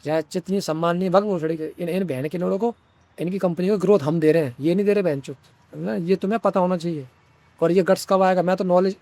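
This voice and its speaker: A man's voice: high voice, darkish tone, no echo. A young man from India ranting bluntly and profanely in a casual vlog story. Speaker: vlogger.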